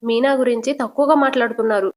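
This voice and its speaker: A fiery young wife protests with stubborn indignation, voiced by a woman narrator. Her voice is a touch high. She sounds fed up. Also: fairly even intonation, fast talker, darkish tone, lightly acted. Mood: indignant.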